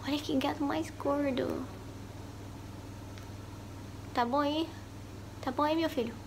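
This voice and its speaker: A woman's voice: sits high, fairly even intonation, slow pace, a little mellow, slight background noise. A young woman vlogging casually at home, rambling with many fillers and sometimes slipping into baby talk for her cat. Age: young adult. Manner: chatty, rambling, full of fillers. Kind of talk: casual vlog chat. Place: at home, first kitchen then living room.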